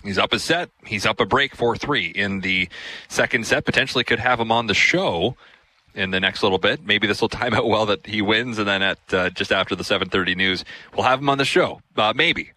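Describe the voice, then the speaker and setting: A man hosts a radio sports show. His voice sits a little low but sounds sharp and very bright. He keeps a brisk, conversational pace. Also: poor audio. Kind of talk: radio interview and show links.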